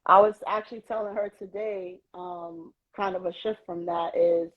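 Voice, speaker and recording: This woman from Queens, New York, speaks at normal speed with a fairly low pitch and a steady tone. As a podcast guest she reflects in casual chat, filling it with plenty of "um" and "you know." It's lo-fi livestream audio captured on a phone during a live social video stream.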